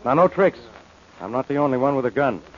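A man playing a gruff, exasperated police inspector in 1940s radio style, blustery and bossy. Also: mid-range voice, animated, a little fast, close to an everyday voice. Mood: stern, wary. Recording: muffled old-time radio recording, faint noise.

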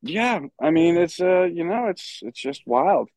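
A man's voice: fairly high pitch, very animated, a little slow, a little mellow, dry recording, low-quality recording. A man from New York, a guest on a podcast, telling stories in a loose, rambling way with lots of fillers and casual swearing. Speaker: podcast guest, stagehand and musician. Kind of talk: casual storytelling chat.

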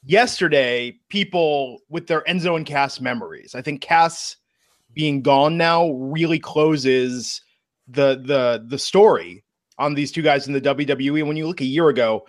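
A man's voice: on the high side, a little slow, dry recording, studio quality. A man co-hosting a podcast, chatting casually and animatedly about wrestling news. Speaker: podcast co-host. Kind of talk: casual wrestling talk chat.

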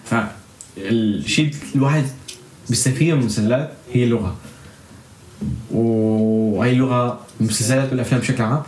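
A man's voice: medium pitch, a little fast, a little mellow. A man in a casual chat, talking in long stretches with restarts. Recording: echoey room.

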